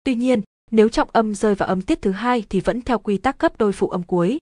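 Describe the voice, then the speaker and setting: A woman teaching a grammar lesson in scripted narration, explaining in an even, measured way. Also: a little high, no room sound, studio quality.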